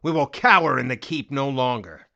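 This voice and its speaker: A man playing a defiant warrior commander in a fantasy audiobook, with a hoarse, cracking but strong voice and an impassioned, oratorical delivery. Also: medium pitch, animated, normal speed, pushed and bright, highs cut off. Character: defiant, fervent male warrior commander rallying his army. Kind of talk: dramatic fantasy audiobook acting.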